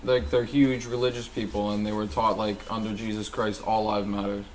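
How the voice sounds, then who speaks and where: A man's voice: fairly low pitch, little pitch movement, a little fast, a little hiss or hum, low-quality recording. Earnest opinionated podcast co-host, a man. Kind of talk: casual chat.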